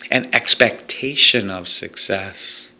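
Slow gravelly man guiding hypnosis. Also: sits low, sharp tone, poor audio. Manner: slow, soothing, repetitive hypnotic delivery. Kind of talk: guided hypnosis recording.

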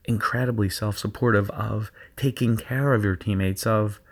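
A man with a low, gravelly voice leads a guided visualization for athletes. He speaks in a slow, soothing, hypnotic rhythm and keeps repeating phrases so they settle in. The pitch sits low and a rough fry runs through his words. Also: fairly even intonation. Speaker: sports performance coach.

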